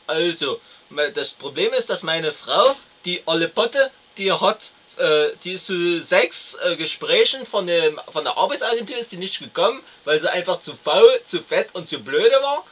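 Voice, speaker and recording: Male performer as callous young unemployed father, sketch comedy, complaining and halting, raised forceful voice, dull audio. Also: high-pitched, lively intonation, voice pushed up. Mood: indignant, complaining. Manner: stammering, complaining. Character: whiny, callous, lazy 25-year-old unemployed father.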